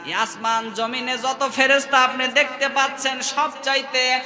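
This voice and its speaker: A man preaching a Bengali waz sermon with a Bangladeshi accent, telling stories with sung, chanted rises and sudden hushed drops, and calling on the crowd to respond. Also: very high-pitched, flat delivery, unhurried, faint music behind. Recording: echoey open-air hall with long reverb.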